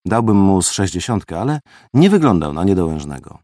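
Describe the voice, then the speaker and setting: A male audiobook narrator tells a first-person story with expressive, lively intonation. His voice sits fairly low but moves through a wide pitch range. The recording is dry and close, with no room echo. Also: brisk.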